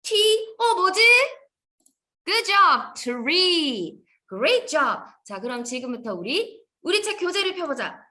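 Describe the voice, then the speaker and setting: A woman teaching an English phonics lesson to young children in an animated, sing-song, encouraging way. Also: high-pitched, slow.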